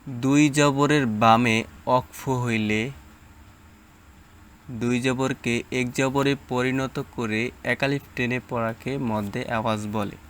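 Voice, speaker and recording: A man's voice: mid-range voice, fairly even intonation, takes it slowly, a bit bright. A man teaching Quran reading, explaining rules and then sounding out letters and syllables one at a time. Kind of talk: slow step-by-step recitation lesson.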